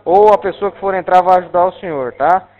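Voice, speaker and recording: A man's voice: high-pitched, brisk. A Brazilian man speaking over the phone as an emergency dispatcher, giving directive, reassuring instructions and repeating them. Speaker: emergency medical dispatcher on a call. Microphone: telephone call. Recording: tinny, narrow-band telephone line.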